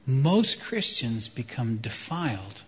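Preacher, male, husky, echoey hall, dull sound, phrase-by-phrase delivery. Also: medium pitch, very animated. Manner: emphatic, pauses for translation. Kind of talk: sermon in short phrases for an interpreter.

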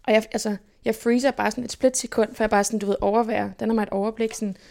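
A young woman from Denmark, telling stories from her life as an interview guest in a lively way and acting out what people said. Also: on the high side, gravelly. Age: young adult. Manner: lively, animated retelling with quoted inner speech. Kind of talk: casual personal storytelling.

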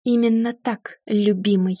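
A woman's voice: a little high, fairly even intonation, moderate pace, dark tone, no echo, clean studio sound, close to an everyday voice. A woman reading the lines of an angry, sarcastic wife confronting her cheating husband, in an audiobook. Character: betrayed wife, adult woman, furious and sharp-tongued.

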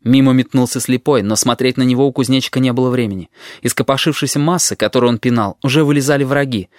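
A man narrating an audiobook with an expressive, lively reading in a medium-pitched voice. The sound is dry and close, with no room echo behind it. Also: quick pace. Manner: expressive reading, acts out dialogue.

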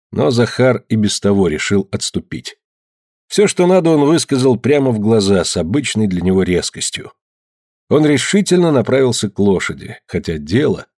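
A man reading a novel aloud in measured scripted narration. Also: mid-range voice, no echo, studio quality. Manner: measured, even storytelling. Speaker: audiobook reader.

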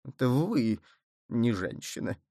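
A man voicing a cowardly, panicky male cardinal with a shrill, pleading manner. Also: big pitch swings, slow pace, creaky, darkish tone, no echo, clean studio sound, full character voice. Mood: urgent, muttering.

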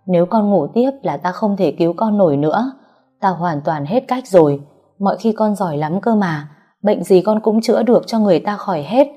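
A woman's voice: mid-range voice, dark tone, close to an everyday voice. A woman voicing a frightened middle-aged mother who pleads tearfully for her daughter. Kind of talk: audiobook character reading.

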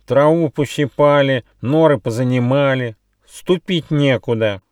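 A man's voice: medium pitch, a little slow, a little mellow, no echo, studio quality, voice pushed up, natural voice. A man voicing a small long-nosed bandicoot who grumbles nasally about newcomers. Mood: grumbling.

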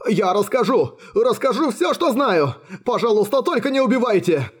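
A man voicing a panicked male thug prisoner who begs for his life, in a high, frantic voice, for an audiobook. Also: lively intonation, normal speed, husky. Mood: terrified begging. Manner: frantic, gabbling pleas.

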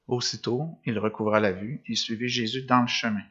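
French-speaking preacher, muffled lo-fi sound. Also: male voice, medium pitch, fairly even intonation, normal speed, pushed and bright. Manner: reads passages then comments, with restarts and rhetorical questions. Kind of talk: sermon reading and explaining scripture. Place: church or meeting room with a screen behind him. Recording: dull lo-fi sound.

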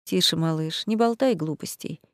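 A woman doing a worn-out gentle prince. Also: normal speed, dry recording, clean studio sound, close to an everyday voice. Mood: tender. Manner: soft, weary, low. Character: exhausted young male dragon prince, gentle.

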